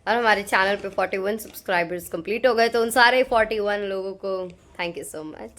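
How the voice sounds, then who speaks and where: A woman's voice: medium pitch, normal speed. A young woman in college, chatting and teasing as she vlogs her family day at home on a phone camera. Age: young adult. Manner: chatty, teasing, animated storytelling. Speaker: vlogger. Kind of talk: casual family vlog.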